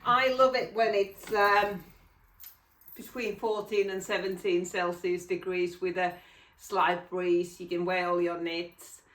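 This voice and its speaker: A woman's voice: fairly high pitch, fairly bright tone. A middle-aged woman from Finland, chatting casually about her knitting as a podcast host, rambling a little with frequent ums and self-corrections. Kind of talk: casual chat. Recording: roomy echo, mic at a distance.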